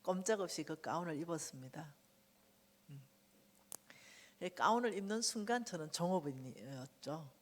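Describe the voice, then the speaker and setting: A middle-aged woman, the guest speaker at a church revival meeting, gives a vivid testimony sermon in the sanctuary. She tells her story animatedly and acts out quotes loudly. Her voice sits low, her pace is moderate with frequent pauses, and the church hall adds reverb.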